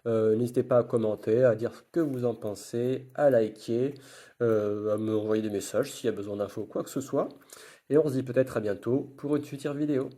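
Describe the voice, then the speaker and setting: Man, mellow voice, casual unboxing commentary, muttered card names, mid pitch. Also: fairly even intonation, fairly quick. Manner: murmured running commentary, reading card names aloud. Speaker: YouTuber opening trading card packs.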